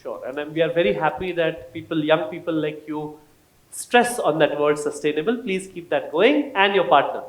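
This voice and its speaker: A man's voice: a little high, normal speed, roomy sound, rough recording. A man hosting a live quiz in a college auditorium, chatty, playful and emphatic. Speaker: quizmaster.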